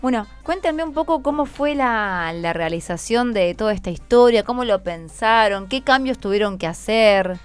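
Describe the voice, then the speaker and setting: Faint music plays as an Argentine-accented radio host interviews schoolchildren in the studio, warmly and effusively encouraging them in a casual chat. She speaks at normal speed with few pauses, her voice a little high, smooth, and lively in intonation.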